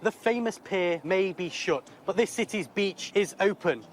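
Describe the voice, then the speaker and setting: A man's voice: sits high, lively intonation, a little slow, slight background noise. A male news reporter delivers a broadcast report from outdoors.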